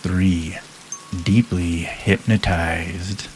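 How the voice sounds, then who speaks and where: A man with a very low voice leads a hypnosis session, speaking soft, calm and unhurried, with long pauses between phrases. Faint rain patters behind him. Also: slight background noise. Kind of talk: guided hypnosis induction.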